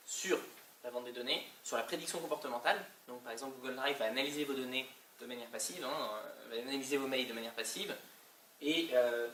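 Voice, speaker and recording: Male conference speaker, French accent, colloquial and hesitant, bright tone, echoey room with faint noise. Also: mid-range voice, recorded from a distance. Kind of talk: informal technical presentation.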